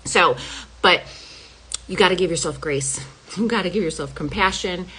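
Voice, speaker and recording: A woman's voice: on the low side, moderate pace, a bit bright, breathy edge, low-quality recording. A middle-aged woman health coach talking casually and emphatically to her viewers, often checking in with "okay?" and "y'all.". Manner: chatty, emphatic, says "y'all" and "okay?" a lot. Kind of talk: casual talk to camera.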